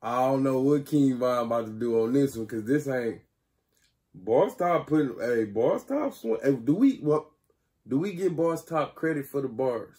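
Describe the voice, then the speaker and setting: A young man hosting a reaction video, talking casually in slang, excitable and often checking in with his listeners. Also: mid-range voice, normal speed. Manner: slangy, excitable, keeps asking "you feel me".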